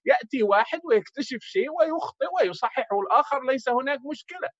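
A man's voice: extremely high pitch, expressive, fast, fairly bright tone, dry recording, lo-fi sound. A man making a dismissive, argumentative case in a debate.

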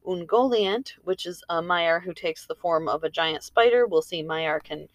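A woman's voice: on the low side, moderate pace, dry recording. A woman hosting a story podcast, telling tales and chatting in an informal way with rambling asides. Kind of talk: storytelling and casual commentary. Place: room in a house.

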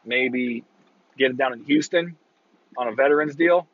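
A man's voice: mid-range voice, moderate pace, a bit bright, dull audio. A man with a worn, burnt-out voice giving a casual, profane, blunt rant as a football talk host. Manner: opinionated, breaking into mocking quotes.

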